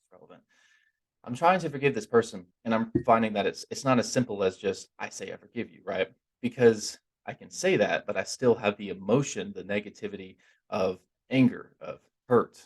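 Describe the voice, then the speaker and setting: A man giving an informal, earnest spiritual talk in a conversational, stop-and-start way, his r sounds softened toward w. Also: fairly low pitch, moderate pace, slightly rough. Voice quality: trouble pronouncing r, softened toward w. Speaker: religious teacher giving a talk.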